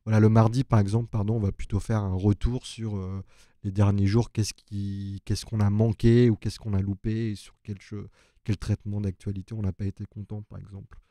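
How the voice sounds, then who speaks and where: Low, mellow-voiced male journalist. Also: level tone, fairly quick, no echo. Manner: explains at length, thinking aloud. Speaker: journalist on the ecology desk. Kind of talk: casual live chat. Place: open newsroom.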